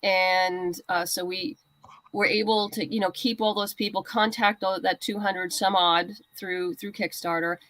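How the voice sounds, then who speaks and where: Her voice is medium-pitched, steady and fairly bright, with a measured pace on a dry recording. The speaker, a woman who writes and creates comics, is a guest in a casual interview about crowdfunding, sharing practical tips in a chatty way.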